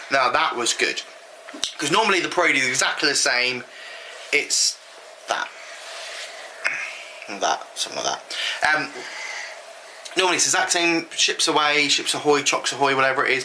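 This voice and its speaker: British man, very bright voice, casual rambling chat, faint ambient noise. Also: medium pitch, lively intonation, normal speed, pauses often, low-quality recording. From United Kingdom. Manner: rambling, frequent ums. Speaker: vlog co-host.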